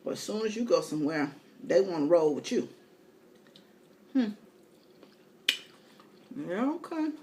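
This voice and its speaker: A woman's voice: lowish voice, sing-song, unhurried, pauses often, background noise. A middle-aged woman eating as she talks, telling candid, colloquial stories in a casual mukbang chat. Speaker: mukbang vlogger.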